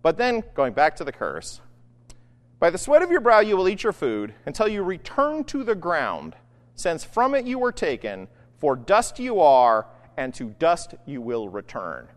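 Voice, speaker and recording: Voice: mid-range voice, wildly swooping pitch, unhurried. Emphatic preacher in an echoing hall. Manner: rhetorical questions, emphatic preaching. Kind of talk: sermon. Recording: long reverb, echoey hall.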